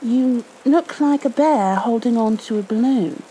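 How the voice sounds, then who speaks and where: A woman voicing Christopher Robin, a gentle, obliging young storybook boy who is curious and simple in manner. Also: a little high, a little slow, slight background noise, voice pushed up, lightly acted, poor audio. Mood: cheerful, frank.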